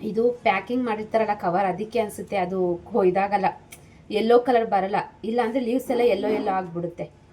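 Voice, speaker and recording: A woman's voice: medium pitch, fairly quick, dark tone. Chatty mother on a home cooking vlog. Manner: chatty, explains homely cooking steps to viewers. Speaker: vlogger, mother. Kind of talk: casual cooking vlog chat. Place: home kitchen.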